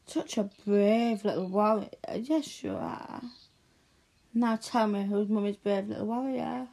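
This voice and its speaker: Soothing breathy woman in ASMR roleplay. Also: medium pitch. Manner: soft, soothing, slow and hushed, often drifting into whispers.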